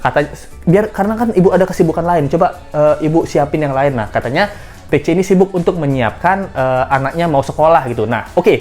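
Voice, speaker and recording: Chatty woman vlogger joking around, voice jumps all over, lowish tone, faint music behind. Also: animated, a little fast, a little mellow. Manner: playful, joking, talks about self as the channel name. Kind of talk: casual commentary vlog.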